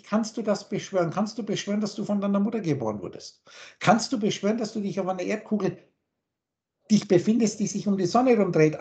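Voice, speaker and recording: A man, a spiritual teacher, giving a long philosophical monologue on a video call, insistent and full of rhetorical questions. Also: high-pitched. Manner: insistent, repeats points and asks rhetorical questions.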